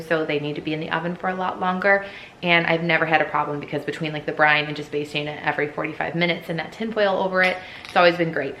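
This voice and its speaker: A homemaking vlogger chats casually while cooking in her home kitchen, using lots of fillers. Her voice is fairly low in pitch, pushed and bright. The kitchen is echoey, with faint room noise.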